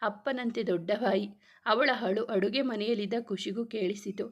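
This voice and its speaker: A woman narrating a romantic serial story in a steady, even reading voice. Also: medium pitch, normal speed, muffled recording.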